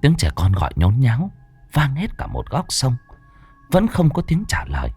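A man's voice: mid-range voice, huge pitch swings, moderate pace, darkish tone, breathy edge, soft background music. A man narrating a rural ghost story in a dramatic storytelling manner.

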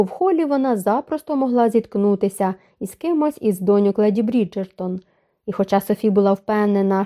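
Mellow-voiced woman narrating an audiobook. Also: mid-range voice. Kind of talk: scripted narration.

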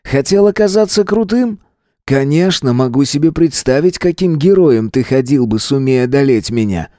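A man's voice: medium pitch, lively intonation, moderate pace, warm tone, no echo, studio quality, pitched above the performer's own voice, close to an everyday voice. A man reading an audiobook voices a cold, contemptuous armed man who barks orders and sneers. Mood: sneering.

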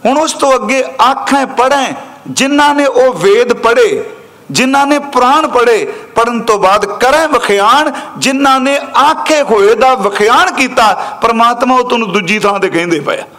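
A man preaching a sermon that explains scripture, chanting each quoted verse slowly and then explaining it in brisker speech while he speaks directly to his listeners. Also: very high voice, sharp tone. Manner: addresses listeners directly as an audience. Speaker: Sikh preacher giving scripture commentary. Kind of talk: katha sermon expounding scripture.

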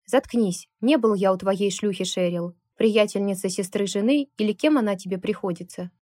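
Woman doing a gruff, stubborn injured man. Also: mid-range voice, moderate pace, dark tone, no echo, clean studio sound, natural voice. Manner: terse and rude.

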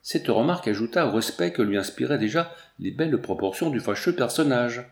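A man reading a storybook aloud with measured, even storytelling. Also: medium pitch. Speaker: audiobook narrator. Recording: echoey room.

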